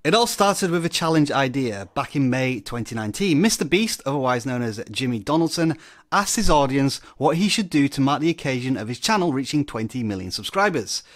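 A man's voice: mid-range voice, a little fast. Playful English man reading a script. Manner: playful, expressive. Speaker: guest youtuber.

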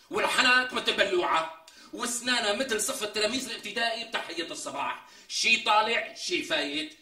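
Brief: fast, lively comic braggart, high bright voice, roomy set sound. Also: male voice, full character voice. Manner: theatrical, exaggerated, drawn-out emphasis. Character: boastful man mocking a woman, melodramatic. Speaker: comic sketch character. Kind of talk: TV sketch comedy acting.

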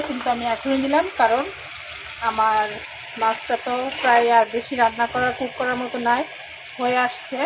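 A woman with a hoarse voice, casually talking viewers through her cooking step by step as host of a cooking channel. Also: sits high. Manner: talks viewers through each step, mixing in English words. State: hoarse, throat trouble. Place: home kitchen. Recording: sizzling pan noise behind.

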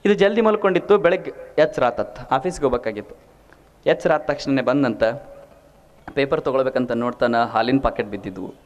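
A man's voice: mid-range voice, brisk. A man with a North Karnataka Kannada accent giving a humorous storytelling sermon, often asking his listeners whether they follow. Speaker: preacher.

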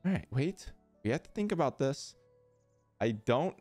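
A man's voice: medium pitch, very animated, normal speed, darkish tone, no echo, soft background music. Frustrated gamer man counting down. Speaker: streamer playing a co-op game. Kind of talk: casual gaming chat.

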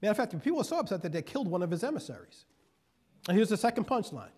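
A man's voice: sits high, sing-song, very fast, a little mellow, slightly rough. A male guest preacher giving a sermon, reading scripture verses and then explaining them in folksy asides. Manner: repeats key phrases for emphasis.

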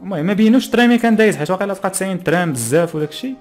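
A young man speaks Moroccan Arabic dialect at a very rapid clip in a slightly high voice, reacting casually and thinking aloud. He is close to the microphone, with some music behind him. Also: lively intonation. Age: young adult. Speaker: YouTube channel host. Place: small plain room indoors. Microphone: close desk microphone.

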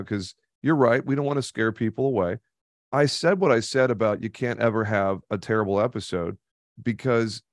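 Speaking into a boom-mounted studio microphone with headphones on, a man in his thirties is a podcast guest in a neon-signed home studio, with no echo. The talk is a conversational webinar interview in which he coaches the listener emphatically and repeats his key points.

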